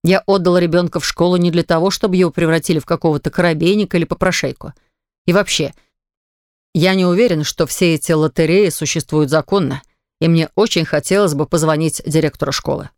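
A woman reading aloud voices a hot-tempered, exasperated father in a lowered voice, lecturing and blustering. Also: fairly even intonation, a little fast, a little mellow, no room sound, clean studio sound. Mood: indignant.

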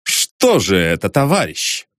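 A man's voice: high voice, huge pitch swings, unhurried, no room sound, clean studio sound, pitched above the performer's own voice, heavily acted. A man reading aloud, voicing a stern, brash male con man who speaks in curt commands.

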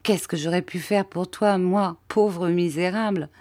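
A woman's voice: lowish voice, steady tone, unhurried, a little mellow, dry recording, natural voice. A woman reading the part of an eager, emotional young boy in an audiobook. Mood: earnest. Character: boy Mathia, loyal and excited friend.

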